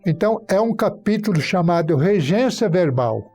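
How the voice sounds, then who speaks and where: Casting note: male grammar teacher, high and mellow voice, methodical, works through example sentences. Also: expressive, moderate pace, breathy edge, faint music behind. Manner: teacherly, illustrating points with spoken example sentences. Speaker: Portuguese teacher guest. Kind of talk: explaining grammar on a church talk program.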